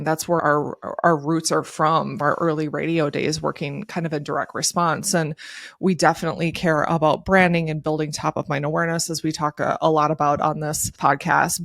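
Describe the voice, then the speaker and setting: A woman co-hosting a podcast, explaining her points conversationally with animated asides. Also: low voice, no echo, clean studio sound. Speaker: podcast co-host, TV ad agency marketer.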